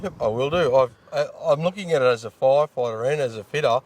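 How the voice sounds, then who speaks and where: A man's voice: mid-range voice, fast talker. An Australian man with a laid-back, plain-spoken tradesman's manner, chatting casually as he reviews equipment. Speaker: firefighter and fitter giving a product opinion. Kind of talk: casual unscripted product review chat.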